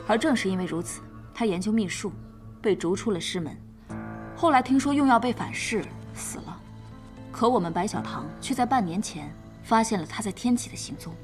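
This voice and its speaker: An actress playing the sharp, self-assured female head of an information network, briefing others. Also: medium pitch, lively intonation, fairly quick, faint music behind, close to an everyday voice. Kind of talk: period drama acting.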